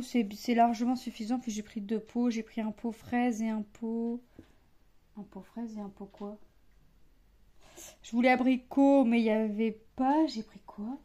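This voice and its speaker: A woman's voice: a little high, dark tone. A woman chatting casually while she does cross-stitch, rambling with many fillers and restarts. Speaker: cross-stitch vlogger, mother.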